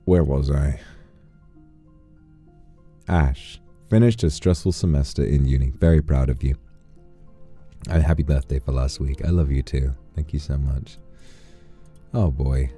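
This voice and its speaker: A man's voice: a bass voice, a little slow, long pauses, warm tone, breathy edge, faint music behind. A man chatting casually on a livestream, playful, effusive and affectionate as he talks to his viewers and reads out their messages. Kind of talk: casual livestream chat, thanking and reading out messages.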